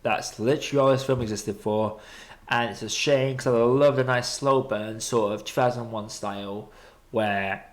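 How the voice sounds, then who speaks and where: A man's voice: medium pitch, fairly even intonation, normal speed. A British man giving casual film review commentary as a streaming host, blunt and opinionated in colloquial language.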